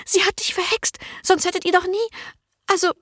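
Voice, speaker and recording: A woman voicing a frightened young maid who stammers and pleads urgently in a high voice. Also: fairly even intonation, a little fast, fairly bright tone, dry recording, studio quality. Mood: frightened pleading. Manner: breathless, stammering, urgent whispering. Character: panicky young maid, fearful and anxious.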